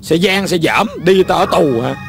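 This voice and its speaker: A man playing a suspicious accomplice in a comedy sketch, with a scoffing, quick-witted manner. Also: a little high, expressive, vocal fry. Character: suspicious young male accomplice. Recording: faint music behind.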